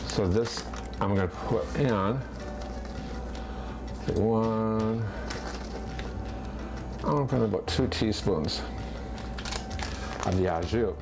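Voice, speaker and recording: A man, hosting a casual home cooking demonstration and talking through each step in a relaxed, chatty way. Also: lowish voice, slow pace, pauses often. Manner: relaxed, chatty, thinks aloud with fillers. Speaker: cooking show host. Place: home kitchen, indoors. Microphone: fixed camera at a distance. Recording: home kitchen with background music. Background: background music.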